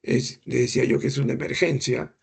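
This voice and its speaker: A man's voice: medium pitch, fairly even intonation, a little fast, vocal fry, breathy edge. A middle-aged man lecturing on clinical examination, explaining patiently, asking rhetorical questions and imitating breath sounds. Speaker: medical lecturer.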